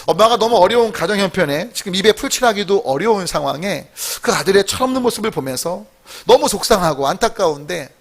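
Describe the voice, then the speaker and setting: High-voiced man preaching a sermon. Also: animated, quick pace, gravelly. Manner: storytelling, asks the congregation questions; rises to emphatic exclamations. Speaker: pastor.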